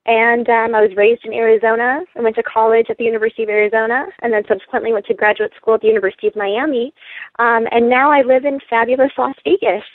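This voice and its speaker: A woman's voice: fairly high pitch, flat delivery, fast talker, no echo. A woman in her late twenties, born in South Korea, answering interview questions over the phone in a friendly, composed way. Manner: friendly and composed, with frequent um fillers and light laughs. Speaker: guest, entrepreneur and pageant titleholder. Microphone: telephone. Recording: tinny phone line.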